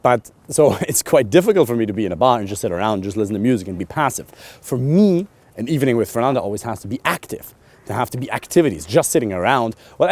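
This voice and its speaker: A man in his thirties coaching men on dating, blunt and animated, swearing casually and pushing hard on his key points. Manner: animated and emphatic, swings loud and high on key points. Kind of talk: coaching monologue to camera.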